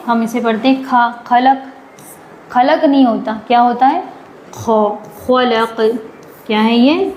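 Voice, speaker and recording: A woman teaches Quran recitation in a live online class, and her voice sits on the higher side. She draws each recited word out slowly, then speeds up to explain it, often asking a question and answering it herself. A faint background hiss runs under the whole recording. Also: a little mellow, low-quality recording. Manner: slow drawn-out recitation with quick explanations between. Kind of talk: live online tajweed lesson.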